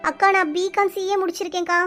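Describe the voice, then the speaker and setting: In a cartoon, a woman with a very high, slightly bright voice plays a mistreated village woman in her twenties, telling of her hardships in a tearful, pleading rush. Her intonation stays fairly even and the mood is sorrowful, with soft music behind her.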